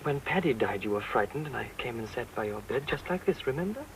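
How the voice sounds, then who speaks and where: An actor playing a steady young castaway father, plain-spoken and reassuring in 1940s film style. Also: medium pitch, quick pace, creaky. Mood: comforting. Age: young adult. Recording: distant, hissy old film soundtrack.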